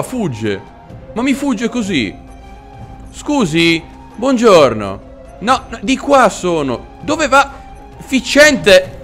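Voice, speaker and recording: A man giving let's play commentary, excitable, swearing and yelling when startled, and addressing game characters with mock politeness. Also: high voice. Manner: excitable, swearing, shouting in sudden frights. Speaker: gameplay commentator.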